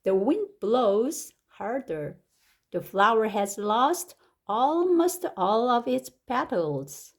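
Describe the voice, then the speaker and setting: Here an English picture-book reader and teacher with a Korean accent gives an expressive, very unhurried storybook read-aloud. She stretches out her words deliberately, and her slightly high voice swoops up eagerly on exclamations at each exciting moment.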